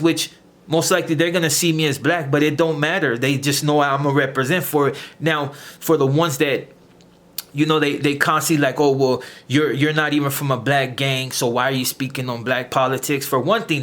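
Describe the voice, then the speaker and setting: A man with a fairly high, bright-ish voice and fairly even intonation speaks briskly while hosting his own channel. He rants straight to camera at his critics, confrontational and lecturing, often stumbling and repeating words as he searches for them.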